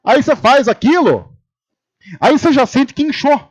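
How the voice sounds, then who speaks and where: A pastor from Brazil giving a humorous sermon in church, telling stories and acting out the voices of the people in them. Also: male voice, very high voice, moderate pace, lo-fi sound. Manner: animated storytelling, acting out quoted voices.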